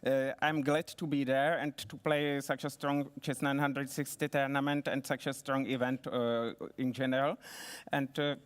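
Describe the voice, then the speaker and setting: A man speaking as a chess player and interview guest, explaining his game move by move in a halting, methodical way. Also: mid-range voice, level tone, smooth. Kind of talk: post-game analysis. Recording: reverberant hall acoustics.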